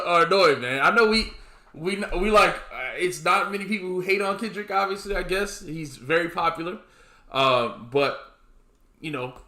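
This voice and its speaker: A man's voice: on the high side, pushed and bright. Rambling man on an echoey podcast. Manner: rambling, restarts often, ends lines with "man". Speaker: podcast co-host. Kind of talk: casual podcast chat. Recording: echoey room.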